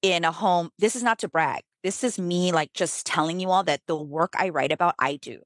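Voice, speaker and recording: Brief: middle-aged American businesswoman, low voice, animated and chatty, dry close sound. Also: normal speed, no echo. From United States. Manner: animated, filler-heavy, emphatic pitch jumps. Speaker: guest, business author. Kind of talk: casual conversational interview.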